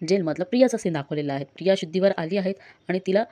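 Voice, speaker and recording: A woman retelling a TV serial episode in brisk storytelling narration. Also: on the low side, expressive, mellow.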